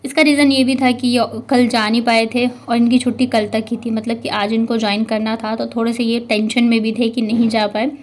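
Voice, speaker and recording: A woman's voice: a little high, flat delivery, brisk, hardly any pauses, darkish tone. A young woman narrating her day in a casual, chatty home vlog, telling the story with lots of fillers. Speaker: vlogger.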